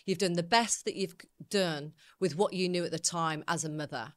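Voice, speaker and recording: A middle-aged woman from the UK, sharing stories candidly as a coaching guest. Her voice sits fairly low and stays lively, often slipping into the voices of people she quotes. She laughs easily as she talks. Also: moderate pace. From United Kingdom. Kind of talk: candid conversational storytelling.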